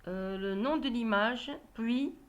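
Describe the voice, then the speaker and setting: A woman teaching a reading lesson to young children, saying each instruction clearly and repeating it. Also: on the high side, slow pace. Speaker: primary school teacher.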